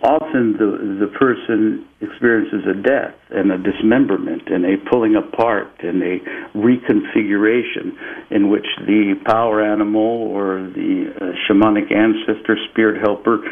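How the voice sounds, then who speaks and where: Speaking over a tinny, phone-like connection, this interview guest from Peru recounts a spiritual story at a slow, thoughtful pace. He keeps falling back on "and" as he gropes for words, and his lowish voice carries some vocal fry.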